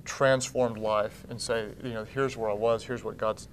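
Speaking at a normal pace in a lowish voice with fairly even intonation, this man is a pastor and church founder in his thirties being interviewed on TV. The studio has blue drapes, and a little hiss or hum runs underneath. He is earnest, gestures with both hands, and restarts his sentences many times.

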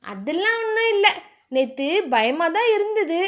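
Brief: a woman playing a naive, childlike young heroine in an audiobook romance, very high, soft and pleading. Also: sing-song, normal speed. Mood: sweet.

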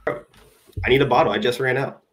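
Over a webcam on a casual video call, a man in his thirties who works as a dyer talks from a home room as a guest. His medium-pitched voice holds a steady tone at normal speed, while his talk wanders, self-deprecating and full of hesitant fillers.

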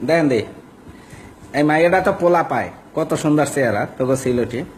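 Vlogger, young male, Barishal Bengali accent, slightly raised pitch, insulting, mocking rant with faint background noise. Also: a little fast, darkish tone, rough recording. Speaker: social media vlogger. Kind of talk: ranting monologue.

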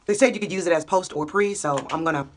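A woman's voice: on the low side, fast talker, slight background noise. A young woman chatting casually as a beauty vlogger, upbeat and slangy, filmed on a phone held close. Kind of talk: casual vlog chat. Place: small room at home, then city street and gym. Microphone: phone camera held close.

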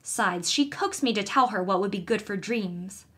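A woman's voice: mid-range voice, lively intonation, moderate pace, a bit bright, husky. A woman reading a sulky, grumbling farm boy.

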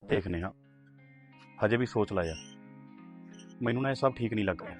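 A man's voice: fairly low pitch, moderate pace, soft background music, natural voice. A young man acting a timid, anxious boyfriend who talks in a worried, hesitant way. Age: young adult. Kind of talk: short film dialogue.

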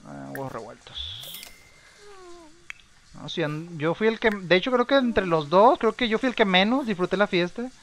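A young man talks through his life-sim game in a loose, rambling way. He muses half to himself and to his viewers, then breaks into quick excited shouts now and then. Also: high voice, gravelly. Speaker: gameplay streamer. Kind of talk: casual life-sim commentary.

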